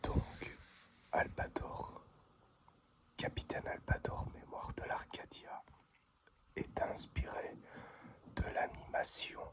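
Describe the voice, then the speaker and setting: A man presenting an unboxing in breathy, whispered ASMR, close as if right in your ear, in short halting phrases. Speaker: unboxing video host.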